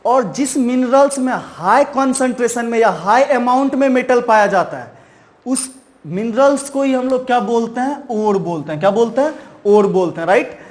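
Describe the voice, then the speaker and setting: Male science teacher, very high voice, quizzes the class with rhetorical questions and repeats key terms. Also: animated. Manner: keeps asking and answering his own questions; repeats key terms slowly, ends points with "right". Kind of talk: chalk-and-talk science lesson.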